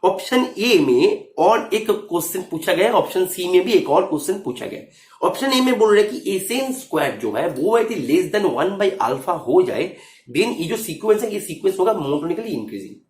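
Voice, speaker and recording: A man's voice: sits high, big pitch swings, normal speed, darkish tone, roomy sound. A man teaching math, explaining an exam solution step by step and often checking if students follow, mixing English terms into his Hindi.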